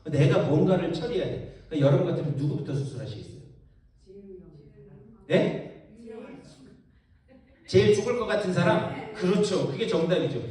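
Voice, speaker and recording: A man's voice: high voice, expressive, normal speed, pauses often, warm tone. A male pastor giving a Bible-study sermon, telling a story with animation and asking the congregation questions, recorded in a church hall from far off. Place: church sanctuary.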